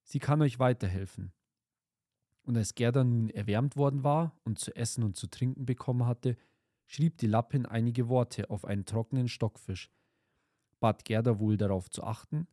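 Man narrator, measured fairy-tale reading, dark mellow voice, dry close sound. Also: mid-range voice, dry recording.

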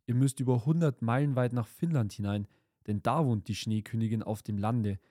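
Man reading motherly old woman, dark mellow tone. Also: mid-range voice, normal speed, no echo, clean studio sound, natural voice. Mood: kindly. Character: kindly old woman of the far north.

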